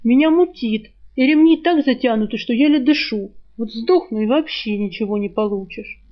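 A woman voicing a sly, sharp-tongued male talking rat in an audiobook, mocking and quick with insults. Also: fairly high pitch, lo-fi sound, lightly acted.

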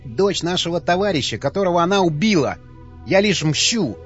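Guy doing a high snarly foul-mouthed thug, voice jumping all over, dull lo-fi audiobook sound. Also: lively intonation, normal speed, soft background music. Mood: angry sneering. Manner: shouting, coarse, aggressive. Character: crude brutal young male scavenger, foul-mouthed. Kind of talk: audiobook character voice.

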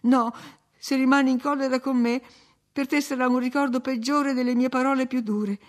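A woman reading the part of a dying young woman, bitter and passionate, rising to loud, accusing outbursts. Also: high voice, fairly even intonation, a little slow, creaky, pitched above the performer's own voice. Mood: pleading.

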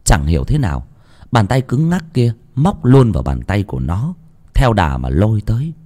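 A man's voice: lowish voice, big pitch swings, moderate pace, dark tone. A man from Vietnam narrating a scripted horror story in a dramatic, vivid way.

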